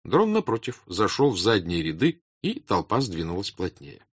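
A man narrating a classic novel as an audiobook in a measured, expressive reading. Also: deep voice, slightly rough, no room sound. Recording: dull lo-fi dry audiobook recording.

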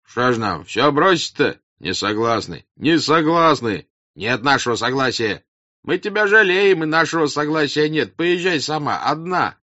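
A man's voice: medium pitch, sing-song, no echo, muffled recording, voice pushed up, exaggerated voice. A man voicing stubborn, angry peasant men. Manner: loud, drawn-out, stubborn refusals. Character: defiant crowd of male peasants, stubborn and angry.

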